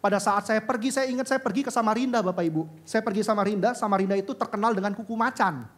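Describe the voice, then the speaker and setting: Male pastor, expressive sermon delivery moving between loud exclamations and hushed confession. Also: sits high, fast talker.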